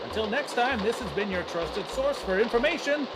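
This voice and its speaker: Brief: old newsreel announcer, male, grand and pitched high, a podcast host putting it on. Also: lively intonation, a little fast, noisy background. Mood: grandiose. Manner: booming, showy transatlantic radio cadence.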